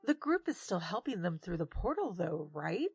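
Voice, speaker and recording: A woman's voice: lowish voice, sing-song, normal speed, over loud music. A woman narrating a tabletop game as game master, describing events dramatically.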